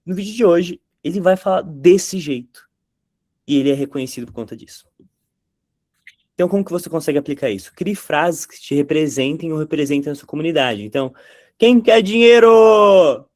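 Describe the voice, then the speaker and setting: A man's voice: fairly high pitch, a little mellow, no echo. Man teaching in a dry close sound. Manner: conversational, with quick impressions of catchphrases. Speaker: content creation teacher. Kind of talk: explanatory talk to camera.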